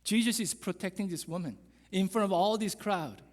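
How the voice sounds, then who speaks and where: A man's voice: sits high, very slow. A man preaching a sermon as pastor, telling the story dramatically and asking the congregation emphatic questions. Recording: long reverb of a church hall.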